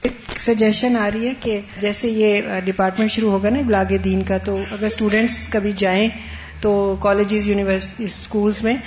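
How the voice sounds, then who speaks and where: A woman student slowly offering a suggestion and agreeing with the teacher. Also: mid-range voice, flat delivery, a little mellow, slight background noise. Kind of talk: making a suggestion in class. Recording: distant, echoey, muffled.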